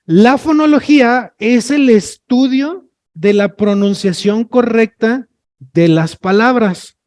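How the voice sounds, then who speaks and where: A man's voice: high voice, darkish tone. A man giving a workshop lecture as a sign language trainer, chatty and joking, often checking in with "ok?" and "no?". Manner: chatty, checks in with tag questions, jokes with the audience.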